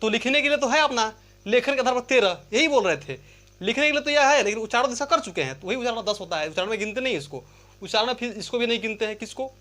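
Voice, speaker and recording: This is a Hindi grammar teacher working through a chart for exam students. The voice sits at a middle pitch and keeps circling back, posing a question and answering it right away. It calls the listeners friends and draws out vowels slowly to show how they sound. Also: lively intonation, pushed and bright. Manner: repetitive, asks and answers own questions, addresses listeners as friends; stretches out vowel sounds to demonstrate them. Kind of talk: exam-prep lesson explaining a chart.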